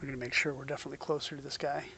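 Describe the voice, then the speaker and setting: A man's voice: medium pitch, level tone, rapid-fire, bright, forceful tone, a little hiss or hum. A man streaming a game, giving casual commentary mixed with spoken commands.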